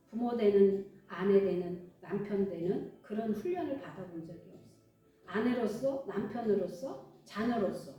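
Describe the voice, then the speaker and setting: Middle-aged woman preaching in an echoey hall. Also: medium pitch. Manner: conversational, animated, acts out dialogue. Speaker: pastor. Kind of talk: sermon. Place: church hall. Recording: echoey hall, far from mic, faint music.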